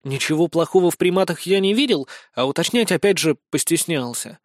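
A man narrating a comic fantasy audiobook in the first person, deadpan and even. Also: fairly high pitch, a little fast, no echo, studio quality.

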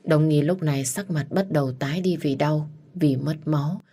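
Low-voiced woman narrating a romance story. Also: normal speed, husky. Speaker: audiobook narrator. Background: soft background music.

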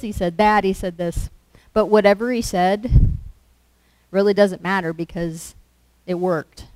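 A woman preaching a sermon, telling the story in a slow, conversational way and acting out quoted lines. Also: mid-range voice, a little mellow, no echo, low-quality recording.

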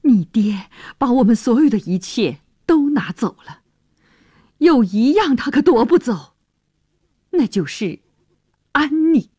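Woman doing an angry young man, bitter, accusing, lively pitch swings, husky edge. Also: slow pace, pauses often, dry recording, studio quality, heavily acted. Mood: furious. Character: angry young man confronting his sister.

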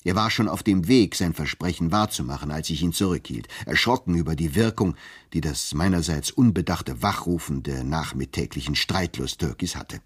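Low, husky male narrator. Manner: expressive, measured, wry. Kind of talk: literary reading of a novella.

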